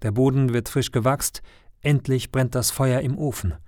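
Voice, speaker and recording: A man's voice: medium pitch, steady tone, moderate pace, no room sound, studio quality. Man reading a children's story. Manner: gentle, storytelling. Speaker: narrator. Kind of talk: scripted narration of a children's Christmas story. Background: faint music.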